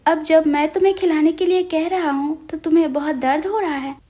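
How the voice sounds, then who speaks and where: A woman storyteller voicing a bossy, teasing young man who makes mock threats, in a high voice. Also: fairly even intonation, brisk, warm tone, close to an everyday voice.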